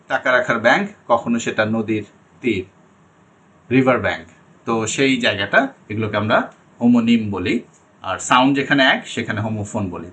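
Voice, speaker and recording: A man's voice: medium pitch, a bit bright, husky. A young man teaching an online English pronunciation lesson, explaining each sound and repeating it, and often checking that the class follows.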